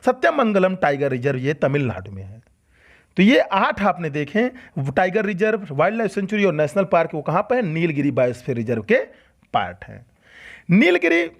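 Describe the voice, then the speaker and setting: Lively Hindi coaching teacher, animated. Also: male voice, on the high side. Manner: explains and repeats key facts, asks and answers own questions. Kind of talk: exam-prep lecture.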